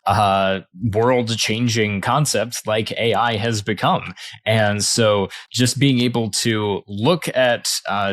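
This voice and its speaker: A man with a lowish voice co-hosts a casual podcast. He talks earnestly and at a measured pace, with frequent "uh" fillers. The recording is dry and close. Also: fairly bright tone, no echo. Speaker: podcast co-host.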